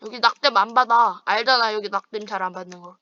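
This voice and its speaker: A woman's voice: mid-range voice, quick pace, pushed and bright, muffled recording. A woman hosting a gaming channel, chatting with a friend over voice chat while playing online and trash-talking playfully. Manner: playful teasing trash talk.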